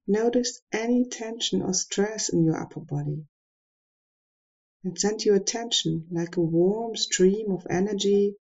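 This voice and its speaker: A woman leading a guided meditation, giving soft, calm instructions with long pauses. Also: lowish voice, dull audio.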